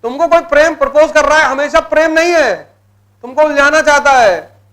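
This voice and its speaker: A middle-aged man with a very high-pitched, fairly bright voice gives a motivational lecture to exam students at a normal speed. He urges them on with blunt commands and repeats key words for emphasis.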